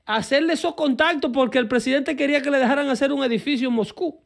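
A man giving animated, casual political commentary over news clips, repeating words as he goes. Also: very high-pitched, fast, vocal fry.

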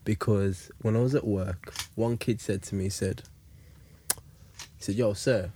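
A man's voice: fairly low pitch, steady tone, unhurried, mellow, slight background noise. A young man with an urban London roadman accent in casual podcast discussion, speaking emphatically and repeating phrases to make his point. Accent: London, urban roadman slang.

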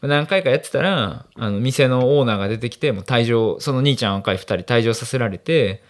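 A man with a Kansai accent telling a story in casual chat, acting out the people in a loud quarrel. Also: medium pitch, a little fast. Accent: Kansai Japanese. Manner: animated, acts out loud quarrels. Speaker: regular guest.

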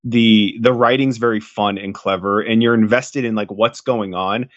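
A man co-hosting a podcast, giving measured, thoughtful opinions in casual chat. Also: on the low side, steady tone, dry recording, highs cut off. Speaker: podcast co-host.

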